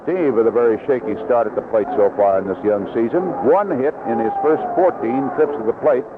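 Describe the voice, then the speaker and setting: This fairly quick, medium-pitched male voice belongs to an American announcer doing 1970s radio baseball play-by-play in short, clipped bursts. He's in an outdoor ballpark broadcast booth, heard through a dull, noisy old AM signal.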